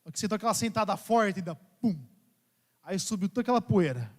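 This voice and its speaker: Brazilian priest joking in a homily. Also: male voice, high voice, lively intonation, a little fast. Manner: humorous storytelling, addresses the congregation as "gente". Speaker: parish priest. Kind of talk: homily at Mass. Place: large church. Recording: long church reverb.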